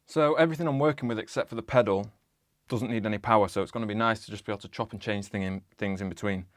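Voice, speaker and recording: A man's voice: on the low side, fast, no echo. A young man who makes music, talking casually about his process in his home studio, rambling with lots of "like". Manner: relaxed, rambling, many "like" fillers. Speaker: music producer. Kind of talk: casual studio vlog talk.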